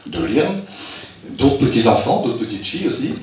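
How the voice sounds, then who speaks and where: With a medium-pitched, sing-song voice at a moderate pace, an older Breton man addresses a local festival audience, slight background noise audible. He presides over a rural club and speaks casually, stumbling through restarts and chuckling at his own jokes. His voice sounds distant in the echoey community hall.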